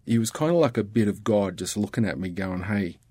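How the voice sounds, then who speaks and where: A man's voice: fairly low pitch, expressive, brisk, darkish tone, slightly rough, no room sound. A middle-aged Australian man with an Australian accent, talking earnestly and reflectively as a podcast guest. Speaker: guest, ministry worker. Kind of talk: casual conversation.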